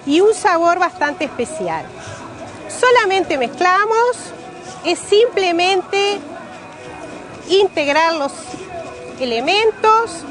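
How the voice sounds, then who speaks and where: High-voiced Rioplatense woman demonstrating a recipe. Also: fairly bright tone. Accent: Rioplatense Spanish. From Uruguay. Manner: simple step-by-step explaining, repeats key words. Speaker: pastry cook. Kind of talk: live cooking demonstration. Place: outdoor fair stand. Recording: music playing behind, outdoors.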